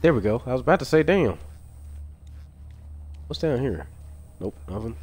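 A man streaming a video game live, reacting out loud with swearing and excited outbursts while he talks to himself and his chat. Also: mid-range voice, normal speed, slightly rough. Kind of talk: live gameplay commentary.

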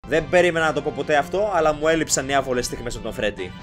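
A man hosting a let's play, giving excitable, jokey commentary as he plays and shouting at game characters. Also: mid-range voice, faint music behind. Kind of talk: live gameplay commentary.

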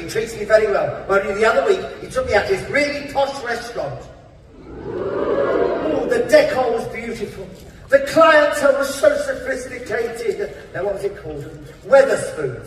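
A man playing a camp, shrill pantomime dame, a gossipy housekeeper delivering an exclaiming comic monologue. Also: background noise. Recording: echoey hall, distant mic, music.

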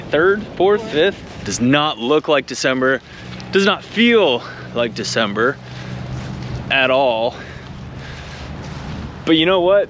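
A man's voice: on the high side, noisy background. Chatty young man vlogging outdoors. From Northeast Ohio. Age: young adult. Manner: chatty, upbeat, jokey. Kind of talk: casual vlog chat. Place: outdoors in a park and in a car. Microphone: handheld action camera.

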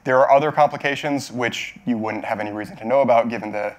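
A thirtyish man stands at a podium on an auditorium stage, answering questions as the technical talk's speaker. In a mid-range voice he stumbles through explanations, full of hedges and self-corrections.

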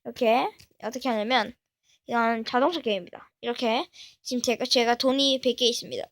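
A woman hosting a gaming channel, talking casually through a game step by step and breaking into excited exclamations. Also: a little high, a little fast, no room sound, studio quality. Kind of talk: casual gameplay commentary.

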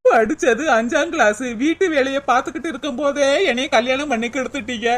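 A woman's voice: sits high, fast talker. A woman voicing a young village wife in a cartoon, who cries and pleads with her mother. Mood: crying. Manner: tearful, pleading. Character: young married village daughter, uneducated and self-doubting. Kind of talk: cartoon voice acting.

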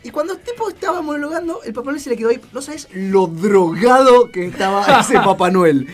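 A man's voice: extremely high pitch, animated, fairly quick, soft background music. An Argentine man telling a funny story in a casual radio chat, laughing often. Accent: Argentine Spanish.

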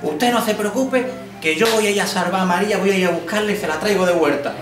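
A man lifts his voice into a brave, polite little village boy, earnest and eager. The voice is high and sits far from the mic in an echoey room. Music plays faintly behind it. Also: fast talker, close to an everyday voice. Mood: earnest, determined. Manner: earnest and eager, raised pitch.

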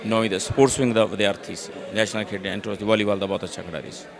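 A middle-aged man, telling lively stories in an interview and acting out voices. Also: lowish voice, rapid-fire, a crowd in the background. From Punjab, India. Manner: lively storyteller, acts out voices, frequent restarts. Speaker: actor interviewee. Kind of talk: animated casual interview talk.

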